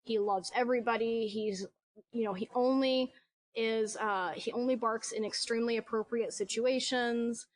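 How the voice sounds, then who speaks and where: A woman dog trainer who is a guest in a casual conversation, chatty and animated as she tells stories. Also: a little high, moderate pace.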